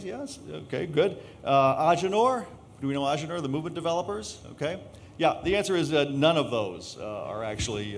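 A middle-aged man hosts a live panel, pausing often with filler sounds as he talks to the room. His voice sits at an ordinary pitch. A faint hum of ambient noise runs under the recording. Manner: halting, many filler sounds, polls the audience. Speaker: panel moderator. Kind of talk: hosting a live panel discussion.

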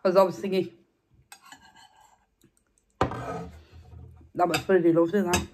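A woman's voice: lowish voice, level tone, slow, darkish tone, a little hiss or hum. A young woman, chatting casually while eating on camera and repeating herself as she rambles. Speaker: food vlogger. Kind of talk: casual mukbang chat.

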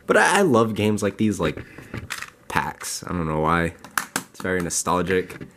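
A young man with a raspy, just-woken-up voice, rambling casually as a vlogger showing off his games. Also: deep voice, very animated, measured pace, a bit bright, a little hiss or hum. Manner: rambling, loose, lots of "like". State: just woke up, groggy. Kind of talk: casual unboxing chat.

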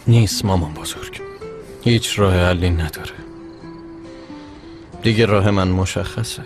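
Heartbroken, resigned young man. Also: sits low. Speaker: grandson. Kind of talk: Persian dub of a TV drama. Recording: dubbed voice over loud music.

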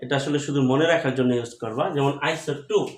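A man with a Bangladeshi Bengali accent teaching a school chemistry lesson at a board, slowly repeating definitions to drill them. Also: medium pitch. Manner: slow, repetitive, drilling definitions. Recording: echoey room.

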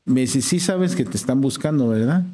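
Male guest, Mexican accent, warm, even pitch, slangy storyteller. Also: normal speed. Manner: slangy, acts out quoted dialogue. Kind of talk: casual storytelling.

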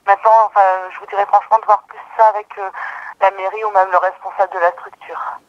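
Man, over the phone, high voice, muffled line, helpful explanations, hesitant, reassuring. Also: level tone, fast. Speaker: nursing home staff member. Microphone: telephone.

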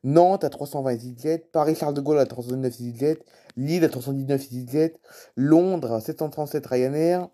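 A man with a mellow, mid-range voice talks briskly as he casually comments on a live flight-tracking map in a screen recording. He reads cities and aircraft types aloud, chats with those watching, and seems puzzled by unfamiliar place names.

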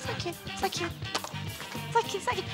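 An actress playing a fussing, doting woman who is quick to take offence, in a TV comedy drama. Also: very high-pitched, music in the background. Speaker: Meryem, an older village woman.

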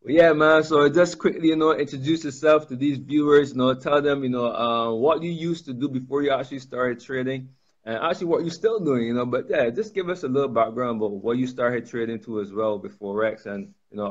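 A man in his thirties hosting a casual video-call interview, energetic, hyping his guest and saying "you know" a lot. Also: mid-range voice, a little fast. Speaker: host, interviewer. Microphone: webcam or phone on a video call. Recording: slightly muffled video-call audio.

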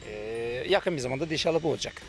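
A middle-aged Turkish man, a cafe manager, gives an on-camera interview outdoors under trees by a beach, speaking into a handheld reporter mic. His voice is on the high side; he's hesitant, with long drawn-out fillers, yet makes self-assured claims, and faint music plays behind.

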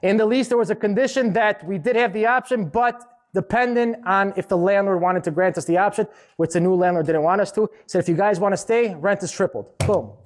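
High-voiced man giving a lively seminar talk. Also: brisk. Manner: direct, conversational, emphatic repetition. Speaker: seminar speaker, restaurant owner. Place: conference hall.

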